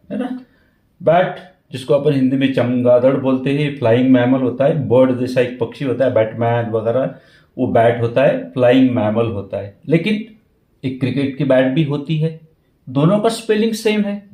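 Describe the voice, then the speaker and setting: A man's voice: medium pitch, dark tone, roomy sound. A man teaching an English grammar lesson in Hindi, often repeating key words and checking in with the listener.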